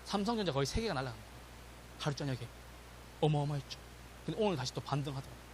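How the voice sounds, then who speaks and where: A middle-aged man teaching an exam-prep class, lively and constantly checking that students follow. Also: on the high side, very fast, noisy background. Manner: animated, checks in with "맞죠?" and "됐죠?", acts out quotes. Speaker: real estate exam lecturer. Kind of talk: classroom lecture.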